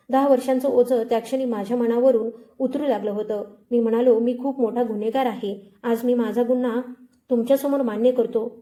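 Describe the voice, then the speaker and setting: Dark-toned woman narrating a suspense story. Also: on the high side. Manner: measured, dramatic storytelling. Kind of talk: scripted first-person suspense narration.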